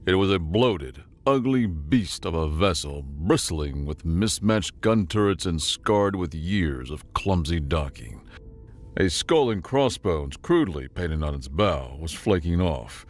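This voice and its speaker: A man narrating a sci-fi story in an expressive, dramatic audiobook style. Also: low-pitched, unhurried.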